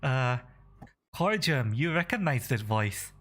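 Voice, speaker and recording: Guy game mastering a tabletop rpg, slow and halting, thinking out loud, medium pitch. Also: very animated. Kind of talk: improvised tabletop game narration.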